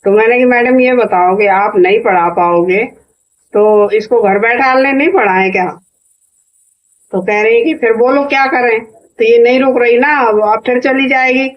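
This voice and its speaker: A middle-aged woman, the vlogger's mother, casually telling a family story in a chatty, animated way with quoted dialogue. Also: fairly high pitch, normal speed, dull audio.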